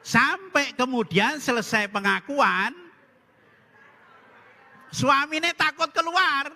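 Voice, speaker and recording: High, bright-voiced priest joking in a reverberant hall. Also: male voice, expressive, slow. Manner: jokey storytelling, acting out dialogue. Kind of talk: humorous sermon.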